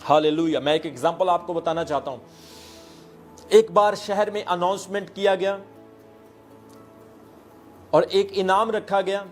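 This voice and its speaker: A man with a high voice preaching a sermon, dropping in hallelujahs and telling stories to make his point. He mixes English words into his preaching. Faint music plays underneath. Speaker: pastor.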